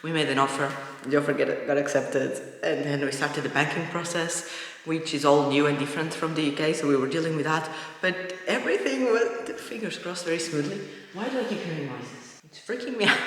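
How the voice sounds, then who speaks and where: An excitable woman from Portugal, a native Portuguese speaker, chatting casually in a rambling vlog update, with big hall-like echo from an empty house. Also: low voice, fairly quick. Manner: excitable, rambling, self-interrupting. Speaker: vlogger. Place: empty newly built house, indoors. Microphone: microphone with a fuzzy windscreen.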